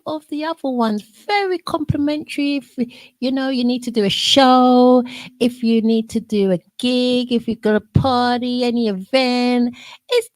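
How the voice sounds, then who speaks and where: A woman with a South London accent hosting a radio show, gushing warmly with praise in casual interview chat. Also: sits high, dry recording.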